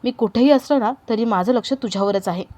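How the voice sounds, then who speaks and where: A steady young husband who soothes rather than argues, his lines gentle and low-key, read by a woman in her own fairly high voice. It is a plain storybook reading of a family drama. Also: fairly quick, close to an everyday voice. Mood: reassuring. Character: young man, calm protective husband.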